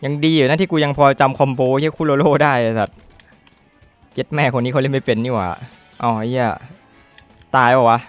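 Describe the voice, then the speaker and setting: A young man giving profane, excitable commentary over his own gameplay, swearing constantly and shouting at the game. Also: mid-range voice, a little fast, long pauses, soft background music. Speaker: gaming YouTuber.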